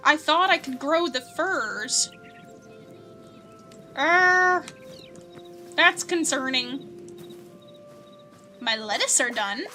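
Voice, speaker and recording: A young woman with a high, bright voice chats her way through a game, giggling and reading out chat. Her talk is loose and bubbly. Soft game music plays underneath. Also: animated, extremely slow, long pauses. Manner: chatty and giggly, coos at pets. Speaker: gaming streamer.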